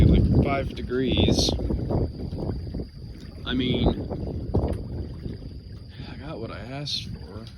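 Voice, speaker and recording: A tired young man vlogging from his small sailboat by an island at night, talking slowly and rambling, with fillers and the odd swear. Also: medium pitch. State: sleep-deprived. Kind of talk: casual vlog narration. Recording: noisy outdoor phone recording. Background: water, boat sounds and crickets.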